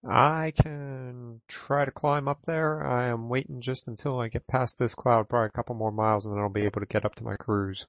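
Pilot guy on cockpit headset, talks quick, bit gravelly, muffled dry radio. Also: mid-range voice, steady tone, no echo. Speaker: private pilot on air traffic radio. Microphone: pilot headset over radio. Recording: muffled aviation radio with clicking.

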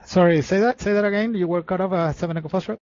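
A male pilot makes radio calls in a high voice. He talks fast with slightly hesitant, informal phrasing. The cockpit radio sounds muffled. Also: a little mellow, dry recording. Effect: aviation radio transmission. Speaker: private light-aircraft pilot.

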